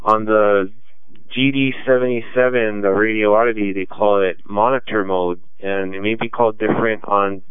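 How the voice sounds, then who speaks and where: A man acting as net control of an amateur radio net, unhurried and measured with frequent pauses, heard through a two-way radio. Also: fairly low pitch, fairly even intonation, clean tone, dry recording. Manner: unhurried and measured, many ums. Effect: heard over a two-way radio. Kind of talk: ham radio net, calling for check-ins. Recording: tinny radio transmission, dry.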